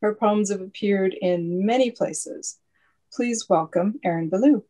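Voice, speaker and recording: A woman's voice: mid-range voice, a little slow, dark tone, low-quality recording. A woman hosting an online poetry reading who gives housekeeping notes and introduces the first poet, with frequent uh fillers. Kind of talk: event introduction. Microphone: online video call.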